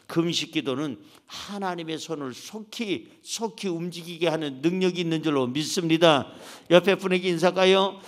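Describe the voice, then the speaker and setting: A middle-aged man preaches in a church with a high-pitched voice. He is animated, acts out the voices of the people in his stories, and swings between loud outbursts and quiet asides. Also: moderate pace. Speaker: pastor. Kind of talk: sermon. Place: church sanctuary.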